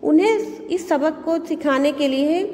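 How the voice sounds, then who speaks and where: Woman teacher, explanatory, glosses words for students, dark mellow tone, faint background noise. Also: high voice, a little slow, big-room sound. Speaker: school teacher. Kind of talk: reading and explaining a textbook story to students.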